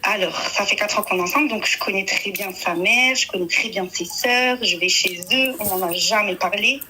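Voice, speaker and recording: A young woman calling a radio show, shaken and hesitant, halting with many fillers. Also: mid-range voice, sharp tone, slight background noise, rough recording. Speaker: caller. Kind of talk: phone-in confession.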